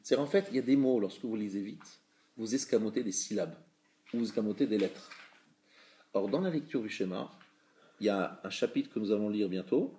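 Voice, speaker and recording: With a warm, mid-range voice, a man teaches a live religious class, patiently explaining and checking in with his students. He sounds out words slowly to show them how.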